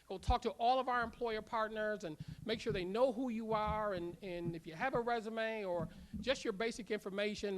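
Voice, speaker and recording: In a large ceremony room, a school leader with a mid-range, fairly bright voice delivers an emphatic commencement speech. He leads call-and-response with repeated rallying phrases, but turns halting when off-script, dropping frequent "uh" fillers.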